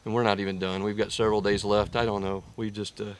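A middle-aged man hosting a casual hunting vlog, talking to camera in halting phrases with awed exclamations. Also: fairly low pitch, little pitch movement, distant mic. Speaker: hunting show host. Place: hunting blind and outdoor bushland.

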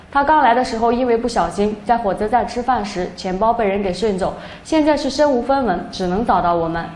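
A young woman narrating a first-person story in a plain, steady way. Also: medium pitch. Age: young adult. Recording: echoey room, faint background noise.

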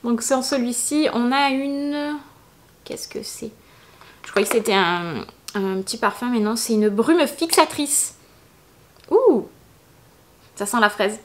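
A young woman from France, chatting casually and enthusiastically as she unboxes beauty products for her vlog. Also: fairly high pitch. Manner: chatty and enthusiastic, many fillers and little exclamations. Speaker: beauty vlogger.

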